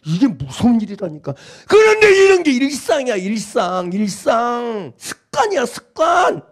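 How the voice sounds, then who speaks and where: A male pastor in middle age preaches a Sunday sermon, his voice unusually high and gravelly. He swings his pitch widely as he drives each point home. He keeps asking the congregation whether they understand. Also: huge pitch swings, moderate pace. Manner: emphatic, repetitive, questioning the congregation.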